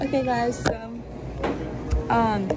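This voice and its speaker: Teen girl vlogger, high bouncy voice, noisy phone audio. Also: steady tone, takes it slowly. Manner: bubbly, giggly, talks to viewers. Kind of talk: casual vlog chat. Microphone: handheld phone camera.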